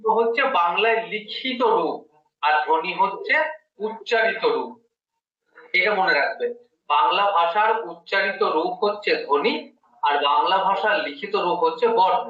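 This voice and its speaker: At a moderate pace and in an animated, high-pitched voice, a man teaches Bengali grammar one-on-one, breaking it down step by step and quizzing his student. The sound is dull and echoey, recorded with the mic at a distance.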